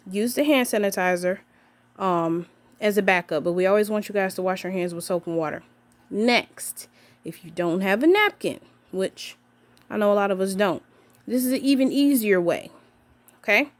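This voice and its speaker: A woman working as a nurse, giving an upbeat health lesson to camera and checking in with viewers as she goes. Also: mid-range voice. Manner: upbeat, addresses viewers as guys, checks in with okay.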